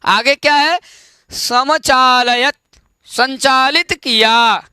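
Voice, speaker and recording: A man teaching an online Sanskrit lesson, explaining each word slowly and checking in with his students. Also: extremely high pitch, pushed and bright, clean tone, no echo. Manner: slow, explains word by word with repeated check-ins.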